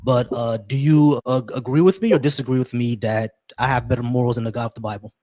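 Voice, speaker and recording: This livestream host talks fast in a mid-range voice, relaxed and chatty throughout. He keeps greeting viewers with shout-outs and often restarts what he's saying.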